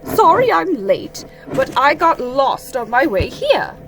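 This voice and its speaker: A woman voicing a polite, slightly befuddled storybook owl with drawn-out, emphatic delivery. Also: high voice, huge pitch swings, soft background music, voice pushed up, exaggerated voice, poor audio. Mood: cheerful, apologetic.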